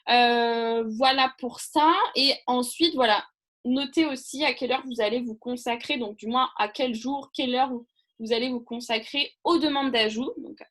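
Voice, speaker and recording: Brief: chatty woman trainer, slightly high voice, rambles with fillers, live video call. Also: normal speed, a bit bright. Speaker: online training presenter. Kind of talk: casual live training talk.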